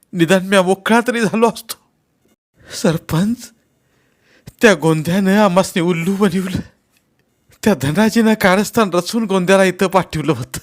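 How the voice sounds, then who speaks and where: A man's voice: fairly high pitch, no room sound, studio quality, voice pushed up, natural voice. A man voicing a grief-stricken village father who pleads through sobs in rustic speech.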